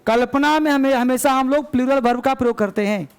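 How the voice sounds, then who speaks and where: A male English teacher, drilling example sentences slowly and quizzing his students in a live lesson. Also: very high-pitched, clean tone.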